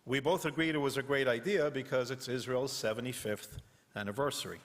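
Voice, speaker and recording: A man who is a cantor, telling a story in measured remarks at a ceremony. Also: medium pitch, in a large hall.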